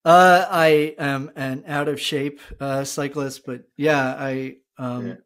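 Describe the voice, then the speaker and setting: A man's voice: medium pitch, fairly even intonation, takes it slowly, fairly bright tone. Man hosting, filler-heavy questions. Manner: asks long questions with many fillers. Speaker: podcast host. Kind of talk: casual interview chat.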